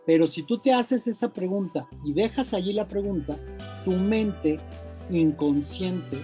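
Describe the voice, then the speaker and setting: A Mexican man giving a lively, colloquial motivational talk, acting out voices of the mind and a friend. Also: fairly high pitch. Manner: animated, colloquial, acts out inner voices. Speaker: speaker.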